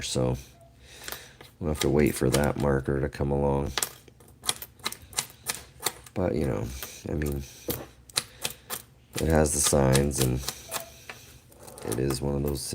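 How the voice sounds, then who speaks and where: Allergies have pushed this middle-aged man's voice lower than normal, and it rumbles low as he rambles in casual live chat with viewers on his livestream. He laughs often, and there is background noise.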